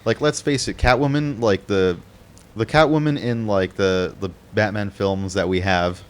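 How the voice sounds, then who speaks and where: A man's voice: on the low side, normal speed, clean tone. A man co-hosting a podcast, chatting casually about movies with lots of fillers and restarts. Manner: rambling, many restarts and fillers. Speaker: podcast co-host.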